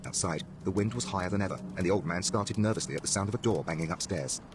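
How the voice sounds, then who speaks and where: A man's voice: deep voice, quick pace, noisy background. A man narrating a horror story in a dramatic, scripted style.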